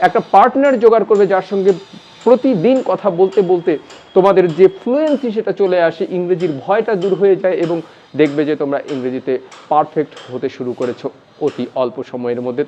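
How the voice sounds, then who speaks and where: A man teaching a spoken English lesson, slowly contrasting wrong and right pronunciations. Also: fairly high pitch, a little mellow, highs cut off.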